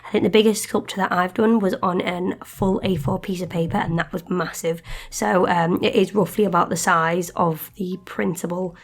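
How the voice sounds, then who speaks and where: A woman's voice: on the low side, fairly even intonation, normal speed, few pauses. Stuffy-voiced woman, chatty tutorial. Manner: chatty and rambling, with frequent asides. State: stuffy voice from a lingering chest infection. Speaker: clay sculpting channel host. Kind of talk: casual tutorial talk.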